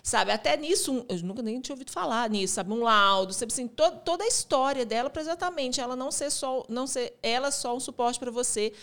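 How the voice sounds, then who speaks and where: Uma mulher apresentadora de um programa de entrevistas, fazendo perguntas com entusiasmo. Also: female voice, a little high, a little fast, hardly any pauses, a bit bright. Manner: enthusiastic, affirming interviewer. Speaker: host. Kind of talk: casual chat.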